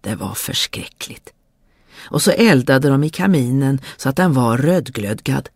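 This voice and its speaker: A storyteller reading a fairy tale aloud in a lively, expressive way. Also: mid-range voice, vocal fry, dry recording, clean studio sound.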